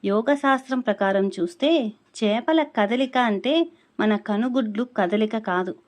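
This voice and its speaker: Woman teaching a chant, slow and careful. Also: medium pitch. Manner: slow, carefully drawn-out syllables when demonstrating; patient explaining tone. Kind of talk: spoken lesson on pronouncing a chant.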